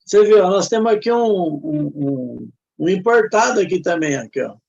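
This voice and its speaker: A man's voice: high-pitched, expressive, normal speed, gravelly, a little mellow. A man with a Brazilian Portuguese accent hosting a casual online chat, hesitant and encouraging, full of filler words. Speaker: host. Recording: muffled lo-fi audio.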